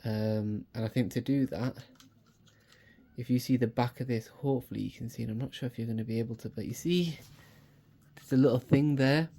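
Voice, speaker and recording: A man's voice: medium pitch, a little fast, gravelly. A man with a nasal, congested voice, chatting casually through a how-to car vlog with lots of "obviously" and "um". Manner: chatty, relaxed, many fillers like "obviously". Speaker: car vlogger.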